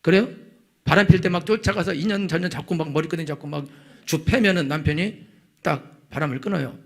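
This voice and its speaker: A middle-aged male pastor preaching a sermon, telling stories with lively, acted-out outbursts. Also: a little high, brisk, gravelly. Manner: animated storytelling, acting out angry prayers. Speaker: senior pastor.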